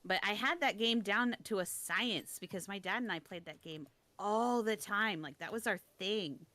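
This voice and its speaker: A young woman telling a story in casual chat, self-deprecating, with frequent quick restarts. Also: medium pitch, sharp tone, no echo.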